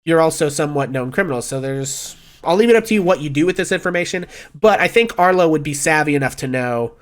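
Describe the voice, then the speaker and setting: Male game master, fairly high voice, conversational and explanatory, casual tabletop narration. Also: lively intonation, quick pace.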